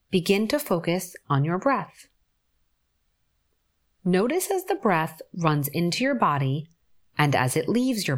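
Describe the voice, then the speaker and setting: A woman leads a guided meditation in an unhurried, soothing way, leaving long pauses between phrases. Her voice sits a little low, yet it rises and falls in a lively, melodic line. Each instruction comes out gentle and calm. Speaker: forest bathing guide.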